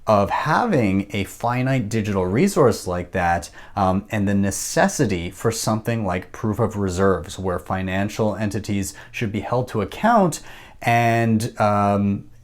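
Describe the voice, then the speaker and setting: Lowish-voiced guy in his 30s hosting a chat, upbeat, home office mic. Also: lively intonation, a little slow. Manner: upbeat, conversational, with filler words. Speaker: podcast host. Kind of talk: casual interview. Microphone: studio mic with headphones.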